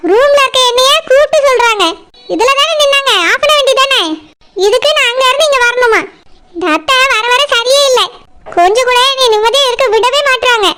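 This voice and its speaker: A woman's voice: very high-pitched, background noise. A woman voicing a grumbling young daughter-in-law. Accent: Kanyakumari Tamil. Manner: complaining, muttering to herself.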